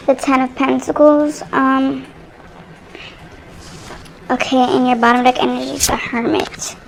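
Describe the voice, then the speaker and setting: A woman's voice: sits high, creaky, slight background noise, poor audio. A young woman giving a casual tarot reading to viewers, chatty and rambling as she addresses them directly, recorded on a phone. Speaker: tarot reader. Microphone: phone microphone.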